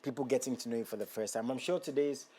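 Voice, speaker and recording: A man's voice: mid-range voice, quick pace, warm tone, breathy edge. Friendly male interview host. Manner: friendly, encouraging, calls guest bro. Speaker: show host. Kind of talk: casual interview chat. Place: Ghana studio.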